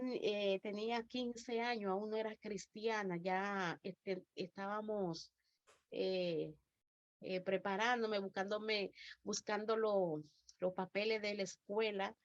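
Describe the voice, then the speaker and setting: Woman pastor, Dominican accent, halting testimony delivery; muffled lo-fi recording. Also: mid-range voice, a little mellow. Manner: halting storytelling with many restarts. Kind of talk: personal testimony. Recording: dull lo-fi recording.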